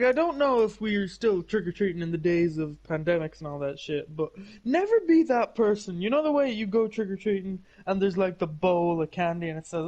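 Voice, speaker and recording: A man's voice: sits high, darkish tone. A tired man co-hosting a casual podcast chat, joking and swearing freely. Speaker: co-host. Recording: dull lo-fi mic with faint hiss.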